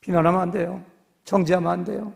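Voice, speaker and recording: Animated high-pitched Korean pastor preaching. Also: male voice, fast, vocal fry, big-room sound. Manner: animated storytelling, acting out dialogue in different voices. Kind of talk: sermon. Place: church sanctuary.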